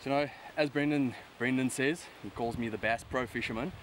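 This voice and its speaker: A man's voice: medium pitch, fairly quick, low-quality recording. A young man with a broad South African accent gives casual fishing commentary and tips outdoors on a river bank. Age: young adult. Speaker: angler presenting a fishing video. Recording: outdoor camera sound with background noise.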